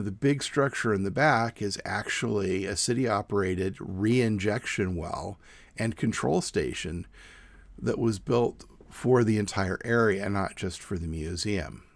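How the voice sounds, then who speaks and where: A middle-aged man giving a measured, plain informative presentation outdoors. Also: fairly low pitch, no room sound. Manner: measured, plain explanatory delivery. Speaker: student presenter. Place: outdoors in front of a brick building.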